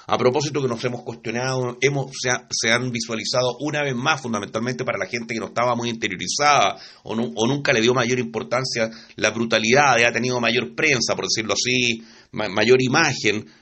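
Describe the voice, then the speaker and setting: Brief: Chilean male host, reflective and halting, raspy edge to a bright voice. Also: medium pitch. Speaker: radio host. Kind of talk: radio interview.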